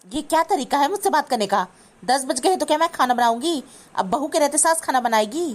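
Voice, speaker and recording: A woman's voice: high voice, lively intonation, brisk. A woman voicing a bossy, scolding older mother-in-law in a cartoon. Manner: scolding, complaining. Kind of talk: cartoon voice acting.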